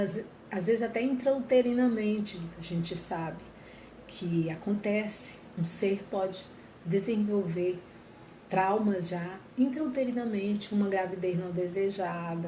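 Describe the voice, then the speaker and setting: A woman's voice: medium pitch, dark tone. A woman giving an earnest reflective talk on mental health to viewers, often repeating and rephrasing herself. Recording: echoey room, faint ambient noise.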